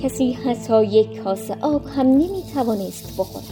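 A woman tells a children's storybook in an expressive, measured way. Her voice sits slightly high, and soft music plays faintly beneath her narration.

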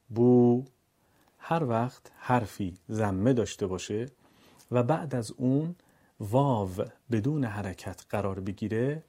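A man teaching how to read Quranic words, explaining calmly and slowly stretching sounds in recited examples. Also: fairly low pitch, breathy edge. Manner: calm explaining, then stretching vowels slowly and louder for examples. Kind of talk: instructional lesson with slow drawn-out recitation examples.

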